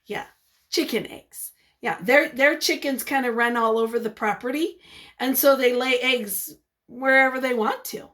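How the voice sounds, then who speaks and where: With a voice that sits high, a woman reads a picture book to young listeners in the manner of a teacher. She's expressive and encouraging, pausing to ask them questions.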